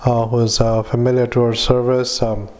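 A man gives a medical dictation in a flat, even voice. He speaks as a clinician working through notes, in clipped, list-like phrases. His delivery is halting, with frequent fillers between items. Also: medium pitch, slight background noise. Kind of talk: medical dictation with spoken punctuation.

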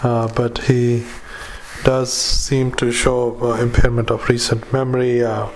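A man with a mid-pitched, very flat voice dictates clinical notes. He speaks as a doctor would into a recorder, haltingly and matter-of-factly, with many hesitant pauses between short phrases. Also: slight background noise, poor audio. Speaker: doctor dictating a psychiatric evaluation. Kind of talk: medical dictation with spoken formatting cues.

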